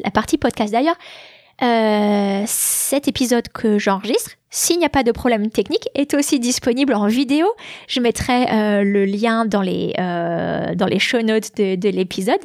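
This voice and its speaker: A woman's voice: on the high side, a little slow, a little mellow, no room sound. A woman from France hosting her podcast in a casual, hesitant monologue with many fillers, on a large studio mic. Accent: French with slight English influence. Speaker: podcast host. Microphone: large studio mic with headphones.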